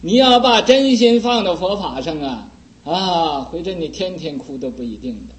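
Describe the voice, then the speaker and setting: A man, a Buddhist teacher, lecturing on a sutra in an earnest voice and gently scolding and teasing his listeners. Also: fairly high pitch, lively intonation, moderate pace, poor audio.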